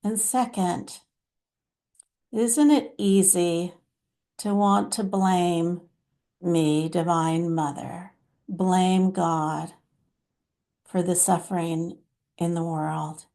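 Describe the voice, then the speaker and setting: Brief: woman voicing a motherly divine spirit, compassionate and soothing, mellow tone, very measured delivery. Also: fairly low pitch, fairly even intonation. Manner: slow, soothing, motherly address to listeners as children. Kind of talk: channeled spiritual message.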